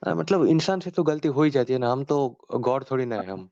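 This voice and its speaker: A man's voice: medium pitch, lively intonation, warm tone, dry recording. A man putting questions to a debate host, hesitant and often correcting himself mid-sentence. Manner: hesitant, self-correcting, many fillers. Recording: dull dry lo-fi sound.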